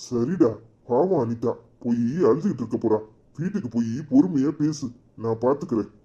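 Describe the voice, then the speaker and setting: A man's voice: mid-range voice, animated, normal speed, dark tone, husky. A man voicing a cheeky, gossipy office friend in a cartoon. He has a Tirunelveli Tamil accent and talks in a chatty, mocking way. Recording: slightly dull lo-fi recording.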